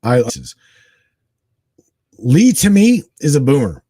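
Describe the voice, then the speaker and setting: A man's voice: fairly high pitch, very animated, slow, warm tone, breathy edge, dry recording. A man in his forties co-hosting a talk show, speaking emphatically and animatedly with casual slang. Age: 40s. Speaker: guest co-host. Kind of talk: casual conversation.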